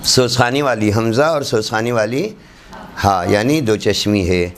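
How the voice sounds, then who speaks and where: A man giving a classroom lesson on Quran recitation, demonstrating letter sounds slowly and repeating them for students. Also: lowish voice, slight background noise.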